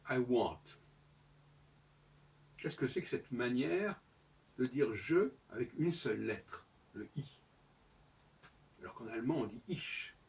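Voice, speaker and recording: A man giving a solo spoken monologue as host, lecturing with emphatic rhetorical questions. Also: mid-range voice. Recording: distant, dull lo-fi sound.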